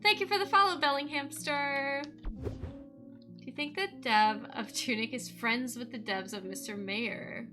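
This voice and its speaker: Laughing Canadian woman streamer with a high voice, over game music. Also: a little slow. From West Coast of Canada. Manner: chatty, laughs often, thinks aloud. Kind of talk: casual livestream gameplay chat.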